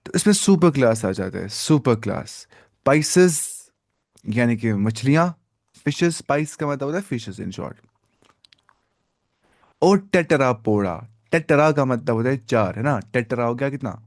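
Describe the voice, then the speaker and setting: A man's voice: medium pitch, expressive, dry recording, studio quality. Man teaching biology, questioning his class. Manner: asks the class questions and answers them himself; repeats key terms slowly, syllable by syllable. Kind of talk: live online lecture.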